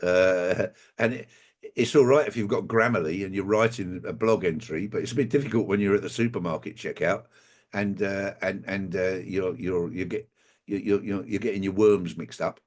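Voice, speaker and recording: Halting, wry man, lowish voice. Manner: halting, wry anecdotal storyteller. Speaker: guest. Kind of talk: conversational interview.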